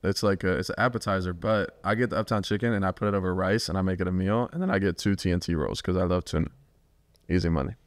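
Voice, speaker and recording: Laid-back young male podcast guest, low voice, casual banter. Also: fast, no echo, studio quality. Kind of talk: casual chat.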